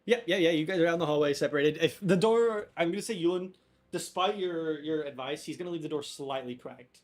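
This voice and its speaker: Relaxed chatty young man running a game. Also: on the high side, fairly quick. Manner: relaxed, chatty, improvising rulings. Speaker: game master. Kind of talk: casual tabletop game narration.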